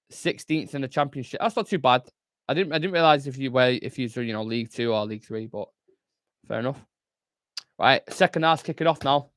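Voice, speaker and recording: A man's voice: mid-range voice, fairly bright tone, no echo. Brief: young man, fan-channel host, loose sweary live chat, dry close-mic sound. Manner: casual, chatty, swears freely, reads chat aloud. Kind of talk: live football watchalong chat.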